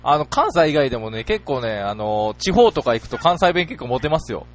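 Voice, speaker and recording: A man's voice: medium pitch, very animated, fairly quick, slight background noise. A man co-hosting a casual call-in radio chat, joking and mock-lecturing. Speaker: radio show co-host.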